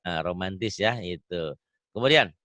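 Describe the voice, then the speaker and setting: A man's voice: low-pitched, lively intonation, moderate pace, bright, forceful tone, dry recording. Male Quran tutor, patient and jokey, dry close-miked sound. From Indonesia. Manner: patient, joking, tells anecdotes. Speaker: Quran reading teacher. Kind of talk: one-on-one online lesson.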